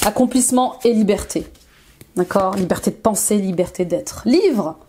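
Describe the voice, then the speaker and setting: A woman's voice: medium pitch, moderate pace, mellow, a little hiss or hum. A woman life coach reading tarot cards for her viewers, encouraging and repeating affirmations, with frequent fillers and bursts of enthusiasm. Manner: enthusiastic, exclaims often.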